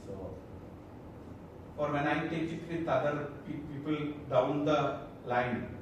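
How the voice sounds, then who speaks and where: A man's voice: fairly high pitch, slow. A man with a Malayalam accent leading an interactive training talk as a corporate trainer, often putting questions to his listeners to check they follow. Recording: echoey room, distant mic, loud background noise.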